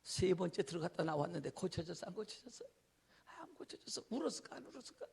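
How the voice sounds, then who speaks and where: A male pastor preaching an evening revival sermon, telling a story dramatically, acting out characters, shouting and dropping to whispers. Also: sits high, sing-song, fast talker, gravelly, breathy edge. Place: church hall.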